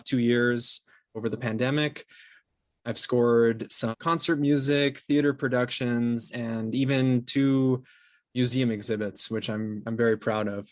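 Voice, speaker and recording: A young man from São Paulo, Brazil, talks casually as a podcast guest. He's a composer and sound designer, and his medium-pitched voice has no echo.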